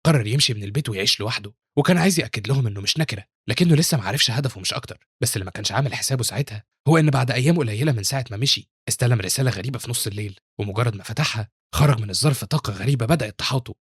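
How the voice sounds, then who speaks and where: Fast, husky Egyptian Arabic narrator. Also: male voice, mid-range voice, no room sound, clean studio sound. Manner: dramatic storyteller. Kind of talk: scripted manhwa recap narration.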